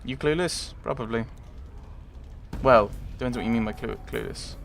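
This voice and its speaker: A man's voice: mid-range voice, normal speed, gravelly, faint music behind. A man doing casual game commentary, thinking aloud in muttered asides and reading bits of game text. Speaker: let's player.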